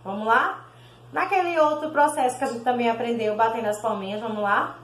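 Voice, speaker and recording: Brazilian lady teacher going slow, sounding out syllables, kinda high voice, echoey room. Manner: slow, sounds out words syllable by syllable, calls pupils "meus amores". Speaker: primary school teacher. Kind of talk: recorded video class.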